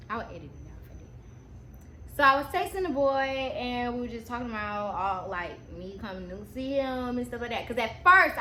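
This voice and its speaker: A young adult woman chatting casually in a slangy, easily sidetracked stoner manner as she tells a story. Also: fairly high pitch. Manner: slangy, informal, animated asides. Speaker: storytime vlogger. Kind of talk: casual storytime chat to camera. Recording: echoey room with faint background noise.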